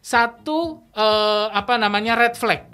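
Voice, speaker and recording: A woman's voice: a little high, slow pace, a bit bright, clear, resonant tone. A woman guest speaker on a radio talk show, explaining at length in a teacherly manner with many "you know" tag phrases. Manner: explanatory, teacherly, often tags phrases with "gitu ya". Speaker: guest speaker on business skills. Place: radio studio.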